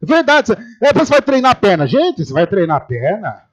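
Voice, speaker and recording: Lively, high-voiced man preaching. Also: fast talker, highs cut off. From Brazil. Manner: animated storytelling, acting out quoted voices. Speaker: pastor. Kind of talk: humorous sermon. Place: church.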